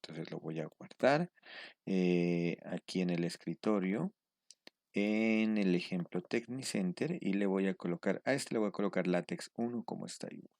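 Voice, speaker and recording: A man teaching step by step in a screen-recorded tutorial. He pauses often to check in with his students. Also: low voice, a little mellow, no room sound, studio quality. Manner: patient step-by-step explaining, checking in with a questioning "mm". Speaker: instructor.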